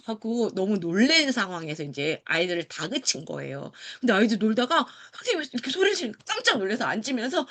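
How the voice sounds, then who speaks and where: Bright, animated woman lecturer. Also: a little high. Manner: acts out quoted teachers and children in lively voices; asks the audience questions and answers them. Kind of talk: lecture to parents.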